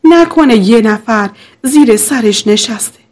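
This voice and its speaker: A woman's voice: fairly high pitch, animated, a little mellow, close to an everyday voice. A woman voicing a distraught young wife who pleads through tears. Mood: tearful, pleading. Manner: pleading, tearful.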